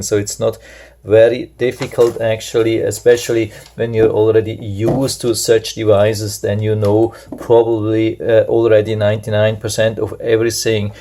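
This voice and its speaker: A man with a mellow, low-leaning voice gives an unscripted, hands-on product demonstration as a reviewer. He explains each step in a repetitive way.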